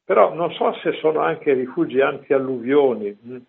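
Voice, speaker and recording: A man preaching and telling stories, slow and emphatic, with chatty asides to his listeners. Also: fairly high pitch, vocal fry, slightly rough. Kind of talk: religious talk with storytelling. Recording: lo-fi phone-like line.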